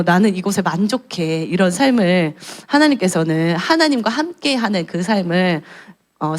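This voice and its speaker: A woman in her thirties, a junior pastor, giving a conversational sermon in a candid, storytelling tone. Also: medium pitch.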